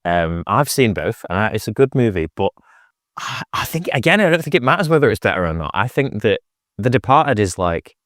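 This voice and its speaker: A man's voice: lowish voice, sing-song, a little fast, fairly bright tone, no room sound, studio quality. A man casually talking about films on a podcast, rambling with many fillers and restarts. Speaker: podcast host. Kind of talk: casual film chat.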